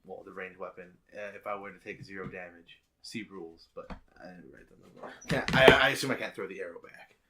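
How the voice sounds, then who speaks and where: A man's voice: sits low, brisk, few pauses, bright, forceful tone, slight background noise. A man playing a tabletop game, checking his character's rules aloud in a hesitant way. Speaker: player.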